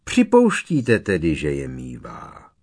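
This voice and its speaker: A man's voice: low-pitched, lively intonation, husky. A man reading an audiobook, voicing a defensive middle-aged male minister who argues in an agitated, raised voice. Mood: indignant.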